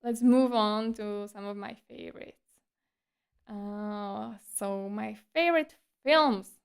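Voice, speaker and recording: A woman's voice: medium pitch, slow, gravelly, clean tone. A woman streamer chatting casually in a livestream monologue, with a breezy, playful and slightly coy, teasing manner.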